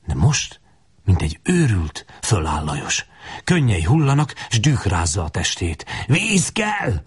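A man narrating a story in Hungarian... as a dramatic audiobook reading, expressive and dropping to hushed tones in intimate passages. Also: low voice, breathy edge.

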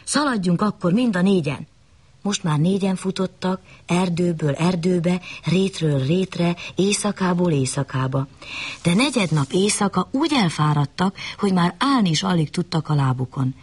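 Low-voiced woman telling a bedtime story. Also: lively intonation, a little mellow, slightly rough.

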